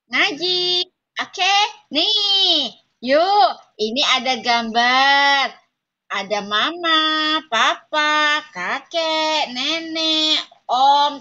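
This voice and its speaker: High, bright-voiced kindergarten teacher coaxing children. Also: female voice, highs cut off. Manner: coaxing, singsong and playful with small children. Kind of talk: online class with young children. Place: home, online class.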